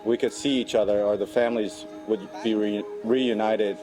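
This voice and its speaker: A middle-aged man from Cambodia speaks in a lowish voice, reflective and halting, often restarting his sentences. Clear music plays under his interview, as in a documentary. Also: fairly even intonation, poor audio. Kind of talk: documentary interview, recounting memories. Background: background music.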